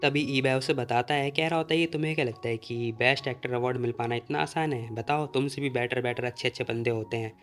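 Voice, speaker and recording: A man's voice: medium pitch, steady tone, quick pace, hardly any pauses, faint music behind. A man narrating a casual recap of a comic story, retelling the plot and quoting the characters' lines in his own voice.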